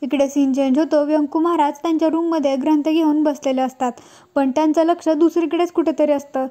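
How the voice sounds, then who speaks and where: A woman narrating a recap of a TV serial episode in steady, even storytelling. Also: sits high, brisk.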